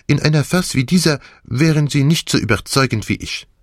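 A man's voice: on the high side, a little fast, no room sound, clean studio sound, pitched above the performer's own voice, close to an everyday voice. A man voicing a fussy, theatrical older male detective in an audiobook, talking dramatically and dropping French phrases. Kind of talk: audiobook character voice.

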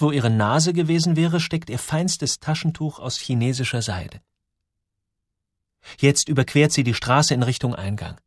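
Male audiobook narrator, animated delivery, dry close read. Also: fairly low pitch, no room sound. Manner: lively, dramatic storytelling with sudden drops and rises. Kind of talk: scripted narration.

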